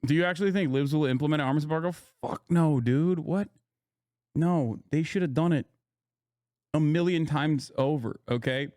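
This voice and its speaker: A man's voice: a little high, moderate pace, dark tone, dry recording, studio quality. A man hosting a live stream, ranting to his chat in a profane, emphatic way. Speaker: streamer host reacting to news. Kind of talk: casual live-stream commentary.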